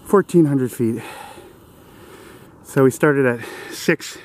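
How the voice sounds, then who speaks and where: A man's voice: mid-range voice, slow, a little hiss or hum. A man vlogging as he hikes a mountain trail, chatty and jokey, talking to himself and out of breath from the climb. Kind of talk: hiking vlog narration. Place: outdoors on a rocky mountain trail.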